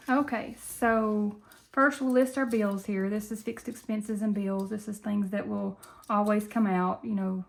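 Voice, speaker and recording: A woman's voice: mid-range voice, fairly even intonation, a little slow, creaky. A woman from Tennessee with a country Appalachian Southern accent, chatting casually and folksily to viewers as the host of a budgeting video.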